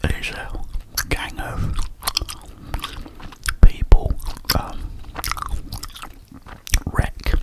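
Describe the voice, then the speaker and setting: Whispering British man slowly chewing gum. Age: middle-aged. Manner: chewing gum while talking; slow, halting delivery in short phrases. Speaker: ASMR video maker. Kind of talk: whispered ASMR rambling. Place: small plain room indoors. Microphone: close desk microphone, headphones on.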